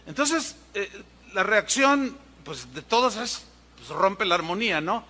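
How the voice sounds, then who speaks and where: A man preaching, telling humorous anecdotes in an animated way and imitating sounds. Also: sits high, measured pace. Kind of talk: sermon storytelling.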